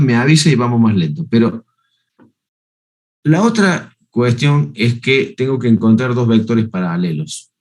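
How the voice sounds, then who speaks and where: A man lectures on geometry in a calm, methodical way. His pitch sits at an ordinary middle height for a man. He often pauses to check in with his students. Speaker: math lecturer. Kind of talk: university lecture on analytic geometry.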